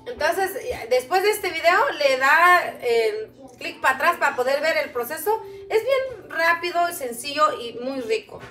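A high-pitched woman from Guatemala, first language Chuj, chatting warmly with viewers as she hosts a cooking livestream. She talks into a camera set a little way off. The sound is roomy and echoey, with faint music behind her. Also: expressive, a little slow. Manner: warm, chatty, calls viewers "mamita". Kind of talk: casual livestream chat reading viewer comments. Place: home kitchen, indoors. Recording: echoey kitchen, distant mic.

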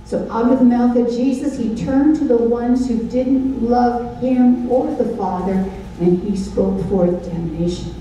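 Slow, dark-voiced older woman preaching in an echoey hall. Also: on the high side, fairly even intonation, a little hiss or hum. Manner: call-and-response questions, emphatic. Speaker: Bible study teacher. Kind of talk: preaching Bible study sermon. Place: large dark stage at a lectern. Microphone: handheld mic. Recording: echoey hall, from far off, faint ambience.

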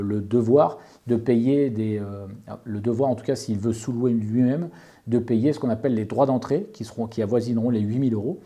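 A property owner answers an interviewer in a mellow, mid-range voice, giving informal, methodical explanations and advice and rephrasing as he goes.

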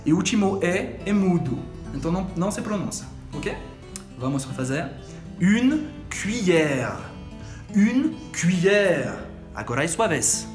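A man giving short, playful pronunciation lessons, slowly drilling each sound. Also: on the high side, animated. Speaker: French teacher. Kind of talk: short scripted language lesson. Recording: music bed underneath.

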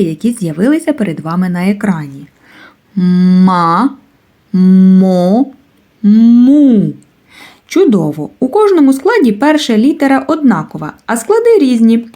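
Brief: woman kindergarten teacher, lively sing-song pitch, deliberate and carefully enunciated. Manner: slow, clearly enunciated, drawing out words. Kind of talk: preschool literacy lesson.

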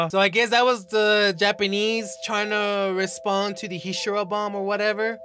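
In his twenties, this man hosts reaction videos from a small indoor bedroom, giving casual commentary into an up-close desk microphone with headphones on as he reads captions and adds slangy exclamations. He speaks at a measured pace in a high, steady, pushed and bright voice.

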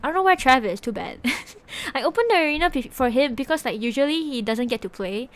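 Speaking fast in a high-pitched, expressive voice, this young adult Twitch streamer from Singapore talks casually to her live viewers indoors in a small bedroom. She has a Singaporean English accent and uses a desk mic with a headset. Frequent giggles punctuate her talk, and she tends to let sentences trail off.

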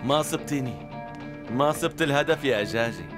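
A man's voice: medium pitch, fairly quick, music in the background, close to an everyday voice. A man dubbing a cheeky teenage schoolboy who mocks a classmate in a TV drama. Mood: mocking. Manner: teasing, giggling. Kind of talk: dubbed TV drama.

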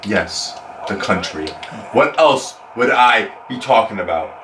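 A young man quizzing his friend in casual banter, animated and exasperated. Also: on the low side, a little slow. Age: young adult. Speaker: quizmaster in a pronunciation challenge. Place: small bedroom. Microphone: camera a few feet away. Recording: echoey room, distant mic, noisy background.

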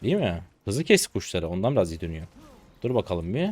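A hoarse man in his twenties giving slangy live commentary to viewers while he plays a game. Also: low voice, sing-song, a little mellow. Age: 20s. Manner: rapid slangy chatter to viewers. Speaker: gaming streamer.

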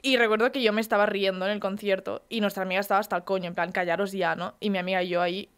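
A woman's voice: mid-range voice, fairly even intonation, racing, clear, resonant tone. A young woman co-hosting a podcast in a radio studio, telling stories casually and swearing freely. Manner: chatty storyteller, swears casually. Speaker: podcast co-host. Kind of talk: casual chat.

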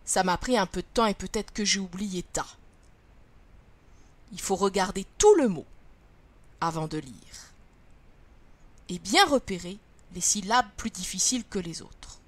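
Slow, careful woman teaching reading. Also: medium pitch, no room sound. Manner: slow, clear, sounding out each letter. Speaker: first-grade teacher. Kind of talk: reading lesson for young children.

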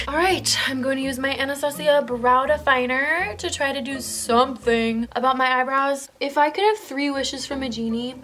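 A woman's voice: on the high side, fairly bright tone. A woman in her twenties chatting casually to camera in a giggly, tipsy, rambling way, blunt and playful with plenty of swearing. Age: 20s. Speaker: makeup vlogger. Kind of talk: casual chat to camera while applying makeup. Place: indoors, small room in front of a fabric backdrop.

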